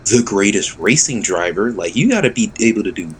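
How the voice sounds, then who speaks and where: A young man with a low voice that swings widely as he talks, excitable and quick to laugh. He swears freely and drops into mock voices mid-sentence. A faint hiss sits under the recording. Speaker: podcast co-host. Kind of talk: casual chat.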